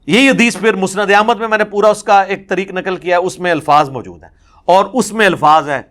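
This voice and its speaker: A man delivers a religious lecture. His voice sits a little high, and he tells his narrations with animation. He acts out the quoted speech as he goes. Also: fairly bright tone. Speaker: religious scholar.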